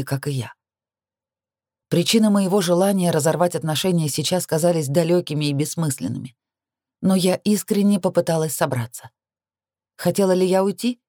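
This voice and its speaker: A woman reading a first-person romance audiobook in a soft, even, measured voice. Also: sits low, no echo, studio quality. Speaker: audiobook reader.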